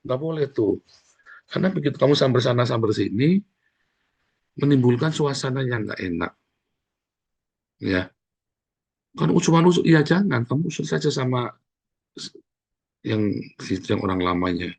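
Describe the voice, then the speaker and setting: A man delivers a sermon in a casual, scolding way, often turning to address his listeners directly. His voice is gravelly with a husky edge, and he often breaks into livelier tones when acting out what people might say. The pitch sits in an ordinary middle range. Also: lively intonation, normal speed, pauses often. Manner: conversational, scolding preaching with repeated "saudara" asides; acts out quoted speech in livelier voices. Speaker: pastor.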